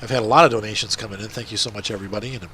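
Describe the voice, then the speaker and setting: A man's voice: fairly low pitch, fairly even intonation, very fast, noisy background. A man with a congested, blocked-up nose giving casual, rambling gameplay commentary as a video host. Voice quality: congested, blocked nose, nasal stuffy sound.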